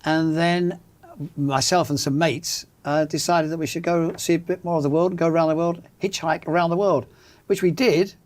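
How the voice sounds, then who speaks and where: A man's voice: on the high side, steady tone, moderate pace. An older man with an English accent, a journalist guest in a studio interview, telling stories in a genial, dryly humorous way. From England. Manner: genial storyteller, dry humor. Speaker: guest, magazine founder and journalist. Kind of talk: casual interview chat.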